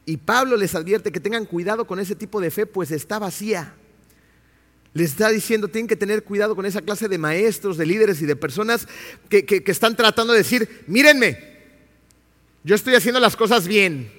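A man preaches a sermon with emphatic, animated delivery and puts rhetorical questions to his congregation. His voice sits high for a man. The church hall adds a long, trailing reverb. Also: fairly quick.

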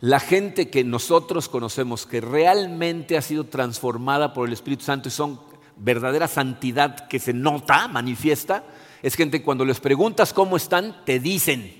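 A man's voice: mid-range voice, moderate pace. A middle-aged male pastor, giving an earnest, conversational sermon full of restarts and repeated words. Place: church. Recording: long hall reverb.

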